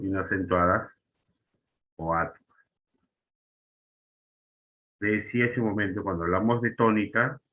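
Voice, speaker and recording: Man, teacher, very deep voice, bright forceful tone, explanatory lesson, fillers and tag questions. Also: rough recording. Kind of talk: spelling and grammar lesson.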